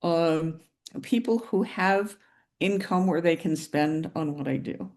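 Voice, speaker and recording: Female business owner, slightly low voice, conversational. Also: takes it slowly, darkish tone. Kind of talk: casual chat.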